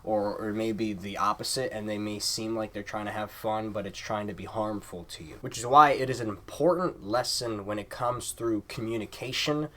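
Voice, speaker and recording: A man with a fairly low voice delivers an explanatory lesson. His phrasing is formal and measured, and he circles back to restate each point before moving on. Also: steady tone, fairly bright tone. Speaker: teacher.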